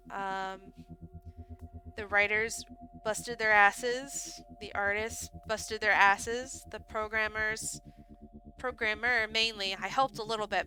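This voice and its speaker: Bright-voiced woman streamer, voice worn. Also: medium pitch. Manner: chatty, laughing asides. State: voice going hoarse, throat dry. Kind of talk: reading a visual novel aloud with commentary.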